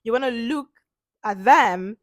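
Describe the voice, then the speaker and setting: A woman gives an informal instructional talk as a confidence coach, emphatic and repetitive, with slight hoarseness from a cold. Her pitch is fairly high and her pace unhurried, in a dry, studio-quality recording.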